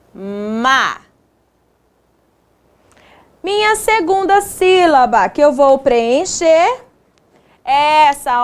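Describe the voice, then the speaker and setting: Woman teacher, young adult, high voice, slow and sing-song, for a children's lesson.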